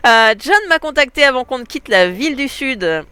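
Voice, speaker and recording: A woman's voice: high voice, lively intonation, moderate pace, pushed and bright, smooth, dry recording, voice pushed up. A woman with a stuffy nose voicing an upbeat, encouraging female game villager, reading the lines aloud.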